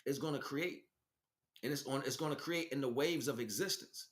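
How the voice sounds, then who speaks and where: A man hosts a livestream and delivers an unscripted spiritual teaching, preaching emphatically and repeating phrases to drive points home. His voice is medium in pitch, at a moderate pace.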